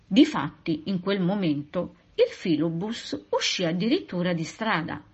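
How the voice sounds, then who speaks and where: A woman teacher reading a children's story aloud with expressive, animated delivery. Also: on the low side, a little slow, husky. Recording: muffled lo-fi recording.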